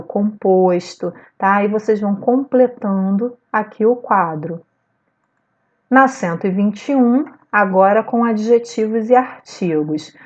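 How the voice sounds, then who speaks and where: A woman's voice: mid-range voice, lo-fi sound. A woman teacher giving a recorded video lesson, walking patiently through textbook exercises and often checking in with her students. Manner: frequent checking fillers like "né" and "tá".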